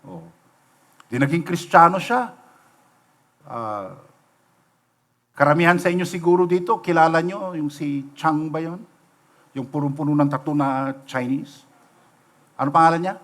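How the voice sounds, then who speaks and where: A man's voice: a little high, unhurried, pauses often, a bit bright. A middle-aged Filipino man preaching in church, telling stories and asking the congregation rhetorical questions, slipping in English phrases. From Philippines. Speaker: pastor. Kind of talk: sermon. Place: church sanctuary, livestream.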